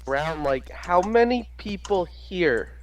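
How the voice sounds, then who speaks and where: A man's voice: high-pitched, lively intonation, takes it slowly. A man playing a tabletop game over an online voice call, his speech breaking up into choppy, broken-off bits as the connection cuts out. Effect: voice chat breaking up, cutting out. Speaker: player. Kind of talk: casual tabletop game chat. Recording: garbled distant online call, loud noise.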